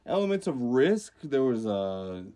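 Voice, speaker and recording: A young man from Louisiana co-hosting a podcast, telling stories in casual chat and jumping up in pitch for emphasis. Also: normal speed. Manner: animated storytelling, jumps up in pitch for emphasis. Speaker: podcast co-host.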